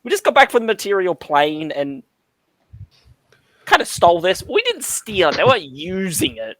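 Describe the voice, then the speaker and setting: A man voicing a rowdy, mouthy little pixie in a high, brash voice, recorded on a dry call mic. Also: huge pitch swings, moderate pace, fairly bright tone, dry recording, full character voice. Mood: defensive.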